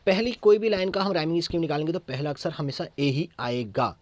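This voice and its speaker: Man, Indian accent, English teacher, classroom lesson, fairly high voice, dry close sound. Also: darkish tone, no room sound. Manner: repetitive, checks understanding with short questions; reads English verses slowly and deliberately.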